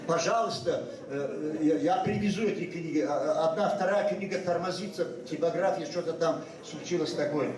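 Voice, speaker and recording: At a public memorial ceremony in a school hall, an older man whose first language is Ossetian gives an unscripted speech in a high voice. The recording is distant and echoey with a crowd audible behind him, and his speech is halting, full of hesitations and restarts.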